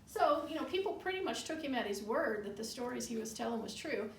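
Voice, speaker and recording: Woman tour guide, higher voice, creaky edges, conversational storytelling, matter-of-fact, roomy distant recording. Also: animated, fairly quick. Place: indoor room of an old bar building. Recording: roomy echo, distant mic, faint noise.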